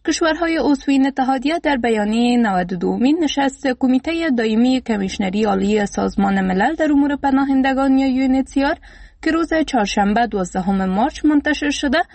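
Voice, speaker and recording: Woman reporter, bright high register, dry studio read, formal and steady. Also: no echo. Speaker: radio reporter. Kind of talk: scripted news report. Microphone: dry studio mic.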